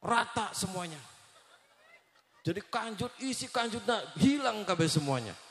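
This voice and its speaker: A man's voice: high voice, expressive, measured pace, a bit bright. A man with a West Javanese accent preaching a comic storytelling sermon, asking the audience questions as he acts out the voices in his story. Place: large echoey venue at a live gathering. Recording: echoey hall with long reverb.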